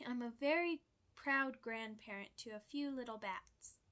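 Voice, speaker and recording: A woman with a somewhat high, pushed and bright voice speaks a little slowly, playing a polite, chatty, proud old female vampire under interview in an ASMR roleplay. Her phrasing is genteel and slightly formal.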